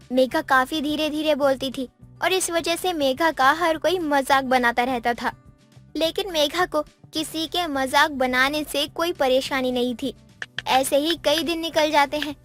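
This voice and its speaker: A woman giving scripted, even-toned narration for an animated moral story. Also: high-pitched, unhurried, faint music behind.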